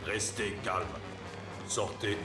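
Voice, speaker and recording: A man voicing a calm building announcer who gives evacuation orders over a public-address loudspeaker in a dubbed series. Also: fairly low pitch. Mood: calm instructing. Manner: calm, measured, instructing. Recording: echoey distant loudspeaker with loud music.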